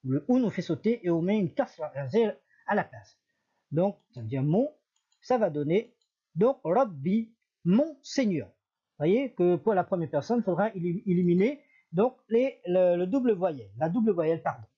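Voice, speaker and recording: A man's voice: high-pitched, animated, normal speed, breathy edge, highs cut off. A man teaching an Arabic lesson, patiently repeating each example and correcting himself as he goes. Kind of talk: recorded language lesson.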